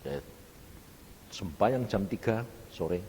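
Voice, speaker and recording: Brief: male preacher, lowish voice, slow and very lively delivery, long reverb of a hall. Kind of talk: sermon. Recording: reverberant hall with faint rumble.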